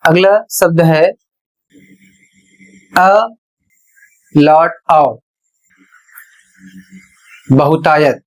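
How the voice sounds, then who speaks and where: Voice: mid-range voice, extremely slow, long pauses, poor audio. A teacher giving a pronunciation lesson, spelling out words letter by letter and explaining each one carefully.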